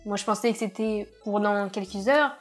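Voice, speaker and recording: A woman's voice: mid-range voice, normal speed, faint music behind. A young woman from France telling travel stories to camera in a casual, chatty way, with frequent hesitations and wry asides. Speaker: vlogger.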